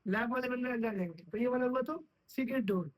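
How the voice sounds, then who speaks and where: This computer science instructor has an extremely high-pitched voice and talks a little fast. In his classroom lecture he keeps breaking off to pose check questions to students, and the audio quality is rough.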